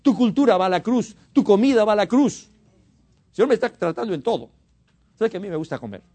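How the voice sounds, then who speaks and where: A fervent preacher from Mexico delivers a sermon in a fairly high voice for a man. He swings from loud, emphatic exhortation to hushed, confiding asides and repeats his words to drive each point home. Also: lively intonation, fast talker, slightly rough. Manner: fervent, rises to emphatic exhortation then drops to quiet asides.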